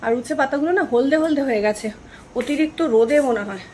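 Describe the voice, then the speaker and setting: A young woman vlogger narrates casually in a high, bright voice, talking fast. She chats with her viewers and keeps putting questions to them directly. Her phone recording is rough and full of background noise.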